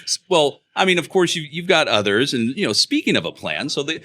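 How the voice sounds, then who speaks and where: Bright, lively podcast host rambling cheerfully. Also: male voice, a little high. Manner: rambling, halting, many fillers and restarts; laughs while talking. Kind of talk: casual podcast chat.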